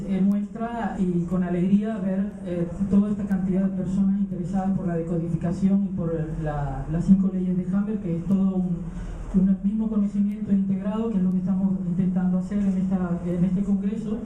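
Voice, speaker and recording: A conference speaker from the Canary Islands, raised in Venezuela, gives a live talk in a conference hall in a high voice with little pitch movement and a moderate pace. He's hesitant, full of fillers and restarts. His handheld mic is held away from his mouth, so the roomy hall sounds distant and dull, with a little hiss or hum.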